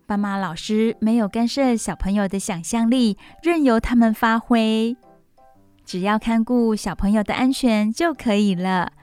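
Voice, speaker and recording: Lady radio host reading a bedtime story like to a toddler, kinda high voice, music in back. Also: a little slow, darkish tone, clean tone, dry recording. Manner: reading aloud as to a toddler, with simple exclamations and repeated phrases. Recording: music playing behind the voice.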